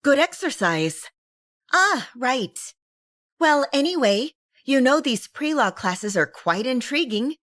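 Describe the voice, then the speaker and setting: A woman voicing a lively young woman, a student kid sister with a breezy, wheedling way of talking. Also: high-pitched, slow, dry recording, studio quality, pitched above the performer's own voice, full character voice. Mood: bright, wheedling.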